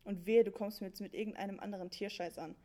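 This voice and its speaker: A woman's voice: mid-range voice, fairly even intonation, fast talker, warm tone, lightly acted. A woman voicing an angry count scolding his son in crude slang.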